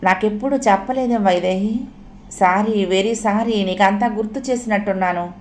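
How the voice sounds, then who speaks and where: A woman's voice: mid-range voice, normal speed, darkish tone, slight background noise, natural voice. A woman narrator voicing a shy young woman of modest means who talks hesitantly and is easily startled. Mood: apologetic. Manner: hesitant, asks in a small voice.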